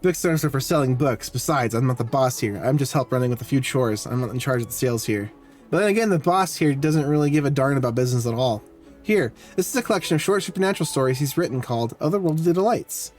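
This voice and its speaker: A man's voice: medium pitch, lively intonation, quick pace, darkish tone, faint music behind, natural voice. A man reading a grumbling bookstore helper. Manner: read aloud in a plain voice.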